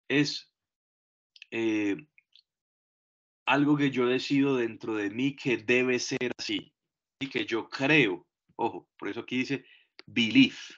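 Slow, deliberate male English teacher. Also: medium pitch, fairly bright tone. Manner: slow and deliberate, checks in often with short questions. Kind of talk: bilingual grammar lesson. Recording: dull lo-fi recording.

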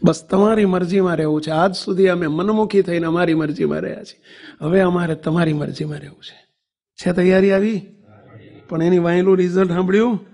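A man preaches to a temple congregation in a high, gravelly voice. He tells his stories with animation, acts out the people he quotes and keeps asking the listeners for answers. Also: brisk. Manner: animated storytelling, acts out quotes, asks the audience questions. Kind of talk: devotional sermon to a congregation. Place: temple assembly hall.

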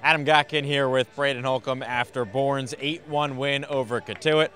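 A man's voice: medium pitch, steady tone, moderate pace, pushed and bright. A young man hosting a postgame sports show and interviewing a player, outdoors on a field with a handheld mic, in a polished broadcast delivery. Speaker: host and interviewer.

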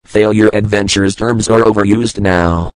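A man's voice: fairly low pitch, steady tone, unhurried, smooth, no room sound. A man giving scornful, exasperated reaction commentary. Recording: loud music behind.

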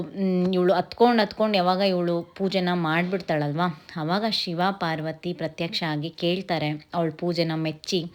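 A woman vlogger, telling a story casually to her viewers and often checking in with them. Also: fairly low pitch. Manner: chatty, keeps checking in with listeners.

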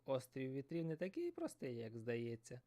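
Storybook: chattering lady seagull guide, voiced by a man, very high and animated. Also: moderate pace. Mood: bossy. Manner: bossy, urgent.

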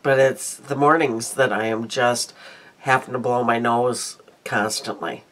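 The speaker is an older Midwestern woman who vlogs about beauty, chatting to a webcam at her desk in a small, cluttered home room. Her voice rumbles low, with a steady, fairly bright tone and an unhurried pace. She's congested, and she rambles, interrupting herself and restarting sentences.

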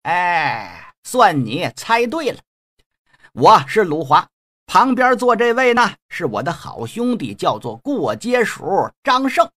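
A swaggering street bully with a rough, mocking bluster, as a storyteller puts him on. The voice is husky, and its pitch swings widely. It comes from a spoken storybook. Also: male voice, wildly swooping pitch, takes it slowly, bright, forceful tone, heavily acted. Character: brash swaggering male street thug, a bully.

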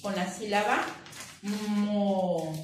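On a remote lesson for young children, a Peruvian preschool teacher with a Peruvian Spanish accent teaches syllables, stretching words out slowly and handing out frequent praise. Her medium-pitched voice stays fairly even in intonation. She's recorded from a distance in an echoey room, off-mic with faint noise.

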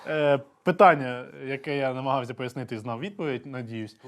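A man's voice: medium pitch, brisk. A young man hosting a comedy game show, reading out questions with hesitations and self-mocking jokes. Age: young adult.

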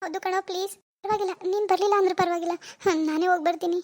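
A woman voicing a tender-hearted young wife who grieves and pleads with her husband in an animated village drama. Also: very high-pitched, rapid-fire. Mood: pleading. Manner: tearful, pleading.

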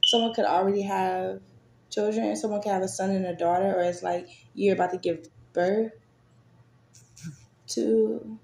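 A woman's voice: mid-range voice, fairly even intonation, normal speed, creaky, long pauses. A woman giving a casual tarot reading, chatty and swearing freely, with many fillers. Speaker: tarot reader. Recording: echoey room, faint noise.

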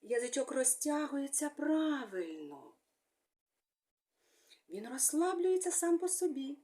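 A woman speech therapist giving a gentle, sing-song speech lesson to young children, using fond little words for them. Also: high-pitched, sing-song, slow.

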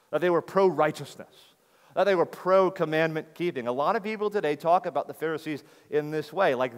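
Male pastor, emphatic expository sermon, higher-pitched voice, long church reverb. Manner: emphatic expository preaching, rhetorical questions. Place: church sanctuary.

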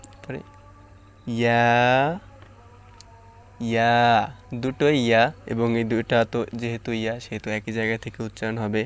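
A man teaching Quran letter pronunciation step by step, stretching out louder model sounds between calm explanations. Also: medium pitch, fast talker, smooth. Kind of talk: slow step-by-step pronunciation lesson.

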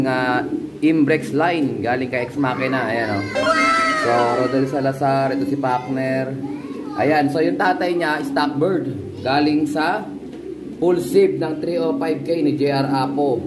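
A man from the Philippines, casually showing pigeons and their pedigrees to viewers, often calling them guys. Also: medium pitch. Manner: chatty, keeps addressing viewers as guys. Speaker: pigeon breeder and vlogger. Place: pigeon loft with birds around. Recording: noisy loft with bird sounds. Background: pigeons cooing.

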